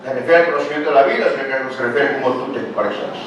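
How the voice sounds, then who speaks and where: This older male pastor speaks rapid-fire in a mid-range voice, keeping his chatty sermon full of rhetorical questions. The recording comes from a distant mic in a very echoey church hall, with faint background noise.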